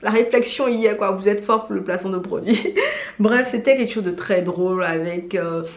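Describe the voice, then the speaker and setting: A woman vlogger chatting casually in an animated, slangy, self-mocking way as she gives recommendations. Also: mid-range voice, normal speed, slight background noise. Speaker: vlogger presenting drama recommendations. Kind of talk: casual chat to camera. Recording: roomy indoor echo.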